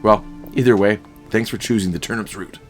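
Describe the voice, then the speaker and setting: Folksy, proud hobbit innkeeper, put on by a man, low-voiced and talkative. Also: steady tone, a little fast, soft background music, close to an everyday voice. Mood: chatty. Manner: folksy, rustic talk.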